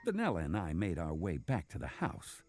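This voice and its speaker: A man playing a hardboiled detective narrating his casefile in scripted noir style, with a gravelly voice. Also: deep voice, wildly swooping pitch, moderate pace, darkish tone, faint music behind, exaggerated voice. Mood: brooding, wry.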